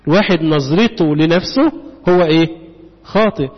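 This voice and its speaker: A man with an Egyptian accent preaching a sermon, often pausing on questions for the congregation to answer. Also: a little high. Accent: Egyptian Arabic. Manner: call-and-response questioning of the congregation. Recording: dull reverberant hall sound.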